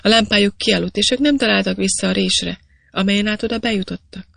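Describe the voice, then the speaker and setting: A reader voicing a shy young woman raised in a mine, speaking in a hesitant, halting way, with a gravelly, dry sound. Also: mid-range voice, fairly bright tone, no echo. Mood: tremulous.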